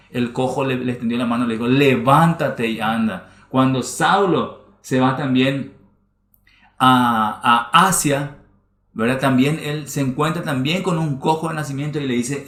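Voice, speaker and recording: A man's voice: mid-range voice, fairly bright tone. Man, pastor, emphatic repeated phrases, reverberant church. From Paraguay. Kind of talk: sermon. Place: church hall. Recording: roomy church livestream.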